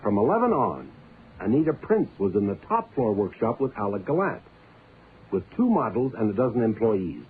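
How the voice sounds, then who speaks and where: An actor playing a gruff, skeptical police inspector with a blunt, insistent manner in a radio detective drama. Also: male voice, lowish voice, big pitch swings, normal speed. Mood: hard-nosed, skeptical. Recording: lo-fi, noisy old radio recording.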